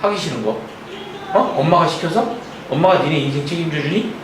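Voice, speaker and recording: A young man tutoring math at an academy classroom, lecturing and scolding his students, checking in with them constantly. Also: on the high side. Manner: scolding, lots of quick check-in questions. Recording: very echoey room, mic far off, noisy.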